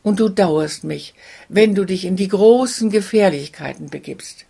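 A woman voicing a sad cursed princess in a fairy tale, speaking softly and sorrowfully, slow and breathy. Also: mid-range voice. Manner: soft, sorrowful, partly whispered.

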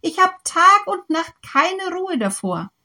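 A woman voicing a kind, excitable poor farmer in a fairy tale, with eager, loud exclamations. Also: extremely high pitch, slow pace, voice pushed up, exaggerated voice. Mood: weary.

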